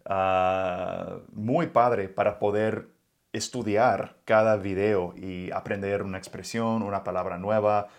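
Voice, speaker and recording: A man from the United States, an English native speaker, hosting a podcast in Mexican Spanish and giving learning tips in a relaxed, casual way full of fillers and restarts. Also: on the low side. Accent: American English speaker of Mexican Spanish. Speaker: podcast host.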